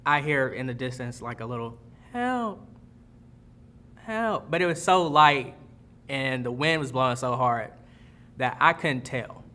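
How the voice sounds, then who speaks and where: A news cameraman telling, in a halting and reflective way, how he waded into floodwater. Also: medium pitch, pushed and bright. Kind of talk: recounting in a documentary interview.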